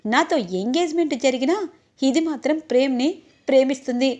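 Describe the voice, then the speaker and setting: A woman's voice: sits high, brisk, darkish tone, natural voice. A woman voicing a scheming jealous young fiancée. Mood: accusing. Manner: accusing, insistent.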